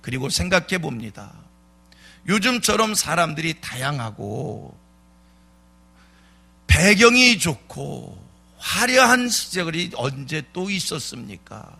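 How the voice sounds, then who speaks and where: Slightly high and very animated, this male preacher speaks slowly in a gravelly, husky, bright voice with a forceful tone. Standing in a church sanctuary for a dawn sermon, he drives points home through repeated rhetorical questions and emphatic repetition.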